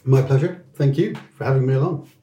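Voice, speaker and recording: A middle-aged executive from England, speaking with an Irish accent, talks through his career as an interview guest, halting often with many restarts and fillers. His mid-range voice is mellow, and the sound is roomy.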